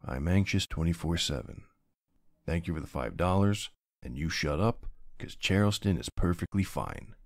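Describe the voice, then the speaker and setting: A man's voice: deep voice, animated, moderate pace, no room sound, studio quality. A man playing a young streamer boyfriend in a role-play, chatting casually in a playful, teasing, easily flustered and affectionate way. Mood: flustered, defensive. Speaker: roleplay voice actor.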